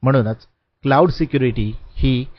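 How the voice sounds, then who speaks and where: A man narrating a scripted tech explainer, going through his points clearly and steadily. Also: medium pitch, moderate pace, lo-fi sound.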